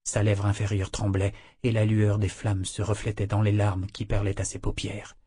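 Husky man reading a dramatic audiobook. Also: on the low side, monotone, moderate pace, warm tone, no room sound, studio quality. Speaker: narrator. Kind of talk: scripted audiobook narration.

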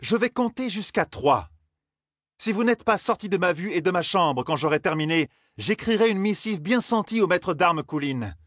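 A man's voice: on the high side, lively intonation, normal speed, long pauses, dry recording, studio quality, pitched above the performer's own voice. A man voicing a stern, scolding wise woman. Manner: sharp, commanding, scolding. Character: stern older woman, former village wise woman. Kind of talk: audiobook character voice.

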